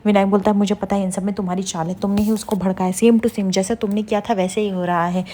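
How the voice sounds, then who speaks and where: A woman rattles through a serial's plot at a quick clip, quoting one character after another. Her pitch barely moves, so the delivery sounds flat and even. She sounds casual, and she stumbles on fillers as she goes. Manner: rapid retelling with fillers, quotes each character in turn. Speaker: serial recap narrator. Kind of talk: casual story recap.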